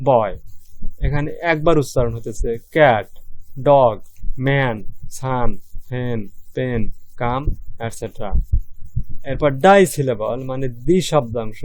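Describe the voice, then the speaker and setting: A man with a Bangladeshi Bengali accent teaching an online English grammar lesson, patiently repeating definitions and slowly breaking words into syllables. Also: medium pitch, a little mellow.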